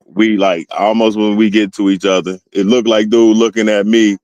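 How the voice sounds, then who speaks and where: A man's voice: fairly low pitch, normal speed, dry recording, dull audio. A man from Ohio in casual conversation, telling stories and acting out what other people said. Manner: animated storytelling, acting out other people's lines. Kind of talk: casual chat.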